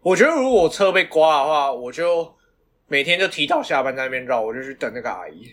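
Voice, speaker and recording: A man with a Taiwanese Mandarin accent, co-hosting a casual podcast with quick, joking reactions. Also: on the high side, lively intonation, a bit bright. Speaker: podcast co-host. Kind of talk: casual chat.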